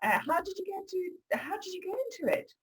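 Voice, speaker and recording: A woman with a French accent hosting a casual video-call interview, bubbly and quick to laugh. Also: very high voice, big pitch swings, low-quality recording. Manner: bubbly, laughs often, exclamatory. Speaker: interview host.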